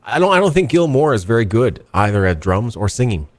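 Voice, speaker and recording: A man from Canada co-hosting a casual chat, rambling and joking with deadpan asides. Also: lowish voice, brisk, no echo. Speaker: co-host.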